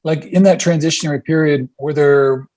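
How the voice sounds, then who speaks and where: A man's voice: fairly high pitch, steady tone, a little fast, darkish tone. A man hosting a podcast, asking questions in a loose, rambling way full of "I guess" and "you know". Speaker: podcast host. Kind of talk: casual interview.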